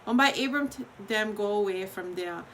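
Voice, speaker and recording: Woman, bright voice, hawaiian pidgin, reading bible stories out loud, bit of background noise. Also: medium pitch, normal speed. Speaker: host of a daily online Bible reading.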